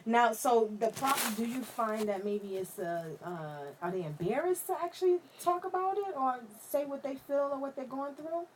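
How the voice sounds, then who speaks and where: A woman hosting a radio talk show, chatting and telling stories in an animated way. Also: on the high side, normal speed, hardly any pauses, slight background noise, poor audio. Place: radio studio.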